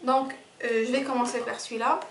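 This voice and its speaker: A young woman chats through a beauty product review in a fairly high voice, pausing often on fillers and starting sentences over. She sits back from the mic in an echoey room at home. Steady noise hangs under the recording. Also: far from the mic. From Belgium. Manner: chatty, hesitant with frequent fillers and restarts. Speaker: beauty vlogger. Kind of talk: casual product review vlog.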